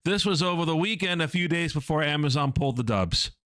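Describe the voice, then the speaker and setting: A man co-hosting an anime podcast in a relaxed, rambling way, pausing on ums and uhs as he explains things. His voice is smooth and somewhat high for a man. It sounds close and dry, with no room sound. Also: no echo. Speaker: podcast co-host. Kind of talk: casual podcast chat about anime news.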